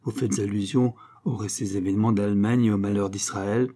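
A man's voice: on the low side, steady tone, a little fast, mellow, natural voice. A man playing a fretful, fussy male country priest who worries aloud. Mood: wary. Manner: worried, fussing.

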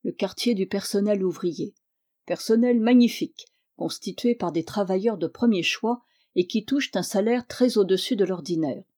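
A woman narrator gives a quick-witted male reporter, his storybook lines lifted slightly in pitch and pushed louder than the narration. The tone stays mellow and dark throughout. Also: close to an everyday voice. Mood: proud. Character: male journalist, brisk and wry.

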